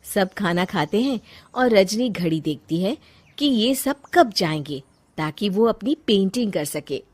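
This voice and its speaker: A woman's voice: medium pitch, lively intonation, measured pace, a little mellow. A woman narrating a family story in a plain storytelling way.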